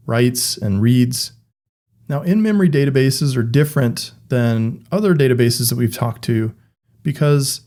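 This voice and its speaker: A man recording an online tech course lesson, explaining clearly and evenly with a touch of dry humor. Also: mid-range voice, a little mellow. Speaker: course instructor.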